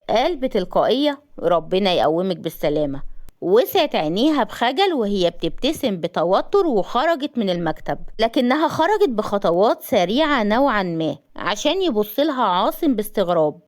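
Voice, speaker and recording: Fast, lively Egyptian woman storyteller. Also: fairly high pitch. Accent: Egyptian Arabic. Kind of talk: scripted story narration.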